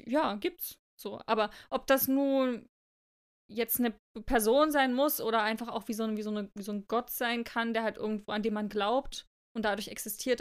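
Young female co-host, relaxed chatty delivery, reads storybook lightly. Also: fairly high pitch. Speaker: podcast co-host. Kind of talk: casual chat and storybook reading.

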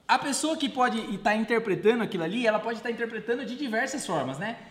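A man's voice: very high voice, fast. A man co-hosting a casual podcast, telling anecdotes and changing his voice when he quotes people. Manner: storytelling, animated voice shifts when quoting. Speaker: podcast co-host. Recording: roomy echo.

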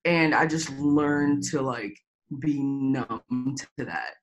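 Her voice extremely low and her pace slow, a young woman from Tampa, Florida is heard on a rough recording as an interview guest. The personal interview finds her candid, hesitant, and peppering her speech with fillers and the odd curse.

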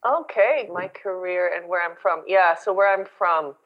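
Low-voiced woman on a lo-fi remote line. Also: normal speed. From born in South Africa, raised in Canada. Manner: chatty, storytelling, animated. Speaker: podcast guest, founder. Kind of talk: casual interview chat. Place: home in Brazil, remote call.

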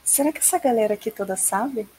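A woman with a Brazilian accent and a husky voice, role-playing casually and playfully as a tabletop game player. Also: a little high, lively intonation, fast talker, mellow, slight background noise.

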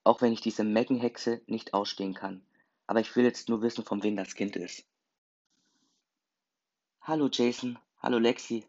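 A man's voice: on the low side, steady tone, brisk, a little mellow. A man narrating a first-person story in an earnest, emotional reading. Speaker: story reader. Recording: slightly dull lo-fi recording.

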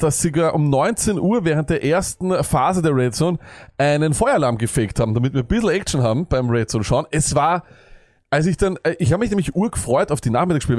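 A man's voice: fairly high pitch, a little mellow, no echo. A man co-hosting a fantasy football podcast, ranting and sarcastic, jumping between thoughts. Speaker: podcast co-host. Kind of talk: casual fantasy football chat.

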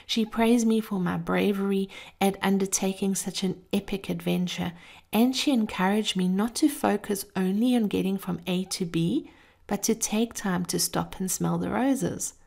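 Woman storyteller with a gravelly, creaky edge. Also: mid-range voice, normal speed, a little mellow. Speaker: host of a daily encouragement podcast. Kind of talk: personal reflective storytelling, addressed to listeners.

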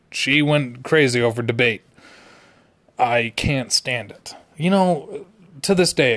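A young man tells a personal story at an unhurried pace. His delivery is laid-back and rambling, with lots of "like". His voice sits at a middle pitch. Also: fairly bright tone.

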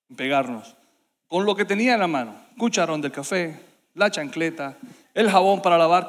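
A man preaching to a congregation, telling a childhood story in an animated way with sound effects, in a church hall. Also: high-pitched. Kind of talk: sermon storytelling. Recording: long hall reverb.

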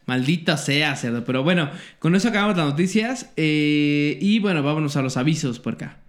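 Young mexican guy on a podcast, mocking his cohost, kinda high voice. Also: lively intonation, moderate pace. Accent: Mexican Spanish. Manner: teasing, throws insults. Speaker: podcast co-host. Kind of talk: crude casual banter.

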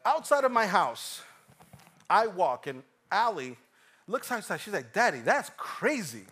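Male pastor in his thirties, high-pitched, lively emphatic sermon delivery with repetition. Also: unhurried, breathy edge. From Ecuador. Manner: animated preaching, swings from hushed to loud, repeats lines for emphasis.

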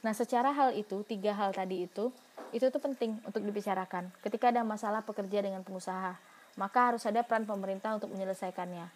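A woman's voice: medium pitch, steady tone, fast, a little mellow, a little hiss or hum. A woman giving a university lecture in an explanatory way, asking herself questions and answering them, with frequent fillers.

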